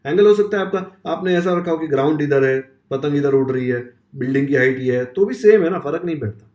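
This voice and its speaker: A man's voice: on the high side, brisk, a little mellow. A man with an Indian accent teaching maths step by step, often stopping to check that students follow. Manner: explains step by step, often asking rhetorical checks. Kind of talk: Hinglish classroom lesson. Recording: roomy echo.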